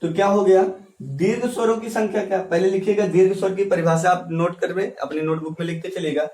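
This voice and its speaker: A male teacher giving a classroom lecture, repeating key phrases slowly and quizzing his students as he writes on a board. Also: sits high, fairly even intonation, darkish tone. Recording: echoey room, voice from a distance.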